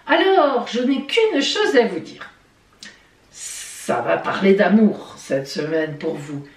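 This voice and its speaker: A woman's voice: mid-range voice, expressive, slow pace, far from the mic. A woman giving weekly horoscopes in a playful, chatty way, talking straight to her listeners. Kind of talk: casual horoscope reading. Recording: roomy sound from off-mic.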